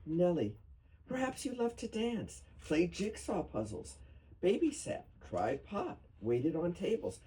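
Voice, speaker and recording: A man giving a solemn poetry reading at a memorial, with deliberate, emphatic phrasing. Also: on the high side, mellow. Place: bookstore reading event before a small audience. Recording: noisy live room recording.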